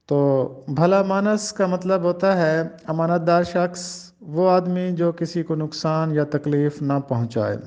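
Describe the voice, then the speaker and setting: A male teacher giving a pronunciation lecture, enunciating each word carefully and deliberately. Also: fairly high pitch, a little mellow, lo-fi sound. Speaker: Urdu teacher.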